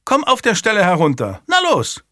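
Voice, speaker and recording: A man's voice: very animated, a little slow, dry recording, clean studio sound, soft background music. A man voicing a young widowed governess in an audiobook, anxious, stern and scolding. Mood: alarmed. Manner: scolding and shrill.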